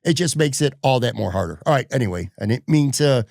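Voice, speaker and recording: A man's voice: mid-range voice, expressive, quick pace, vocal fry, a little mellow, dry recording, studio quality. A man hosting a sports podcast, talking bluntly and heatedly in casual chat, swearing freely. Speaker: podcast host.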